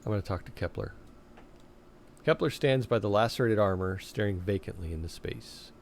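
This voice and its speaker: A man streaming a game live, chatting casually and reading the in-game dialogue aloud while his voice is going hoarse. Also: lowish voice, animated, normal speed, slight background noise. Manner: casual, chatty, laughs often, reads dialogue in plain voice. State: losing his voice, coughing.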